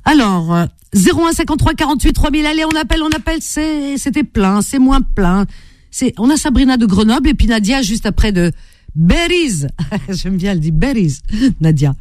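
Playful, high, lively radio host woman. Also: moderate pace, dry recording, clean studio sound. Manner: playful, affectionate, teasing. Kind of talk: call-in radio chat.

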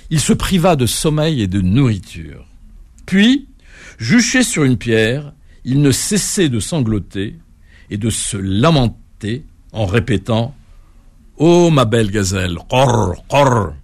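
A man narrating an animal folk tale in an expressive, measured way, lifting his voice at key moments. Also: medium pitch, husky. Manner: expressive, measured telling with sudden lifts. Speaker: storyteller.

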